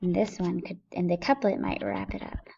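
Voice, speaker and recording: A woman's voice: lowish voice, moderate pace, vocal fry, warm tone, slightly rough. A woman teacher explaining poetry step by step, patiently thinking aloud and asking herself questions as she goes. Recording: dull lo-fi recording.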